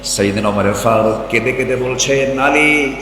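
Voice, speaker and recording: A man delivers a fervent sermon, his voice surging as he tells the story and calls out to the listeners. His tone is bright and forceful. The sound rings through an echoey PA in a large hall, with a long tail of reverb. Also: medium pitch, steady tone, moderate pace, a little hiss or hum. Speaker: preacher.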